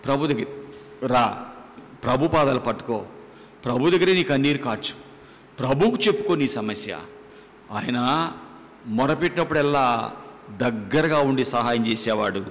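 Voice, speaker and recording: A man's voice: medium pitch, animated, normal speed, long pauses. Impassioned male pastor in a reverberant hall. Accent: Telugu. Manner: impassioned preaching with dramatic swings in loudness. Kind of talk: sermon. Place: church hall.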